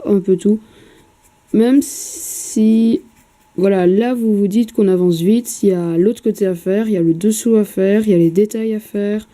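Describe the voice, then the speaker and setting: A woman with a very dark, mellow voice talks through painting a miniature in a casual vlog. She is hesitant and chatty, with lots of fillers and casual swearing. The sound comes from a camera mic at a home painting desk. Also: mid-range voice, fairly even intonation, measured pace.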